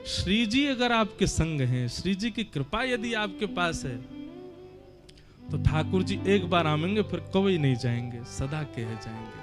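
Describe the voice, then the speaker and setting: A man's voice: high voice, sing-song, measured pace. A man tells a devotional story in an emotive, sing-song manner. Faint instrumental music plays behind him. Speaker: katha storyteller.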